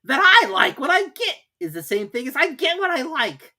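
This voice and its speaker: A woman's voice: high-pitched, big pitch swings, normal speed, pushed and bright, pitched above the performer's own voice, heavily acted. A woman voicing a meek, glum and pedantic male hare in a storybook.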